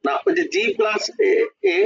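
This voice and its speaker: A man studying French in an online lesson, asking about rules and trying words haltingly. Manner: questioning, tries words haltingly. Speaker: student. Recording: dry, dull lo-fi call audio.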